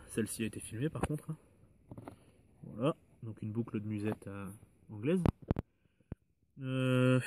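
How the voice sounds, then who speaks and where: A man walking through his metal detecting finds in a relaxed, hesitant way, with many fillers and asides. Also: medium pitch, noisy background. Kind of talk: casual show-and-tell of finds.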